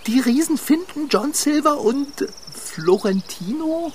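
A man's voice: very high voice, expressive, unhurried, slight background noise. A man playing an easygoing, bewildered bike mechanic in a radio play. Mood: dismayed.

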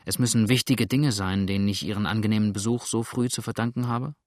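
A man's voice: on the low side, fairly even intonation, fast, dry recording, clean studio sound, lightly acted. A male audiobook reader voicing a weary judge who speaks in a formal, courteous way.

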